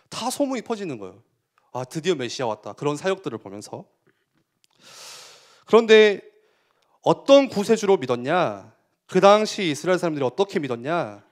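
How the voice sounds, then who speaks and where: A man giving a youth sermon, asking the listeners questions and acting out quotes with sudden loud bursts. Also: on the high side. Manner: animated, asks the listeners questions. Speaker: youth pastor.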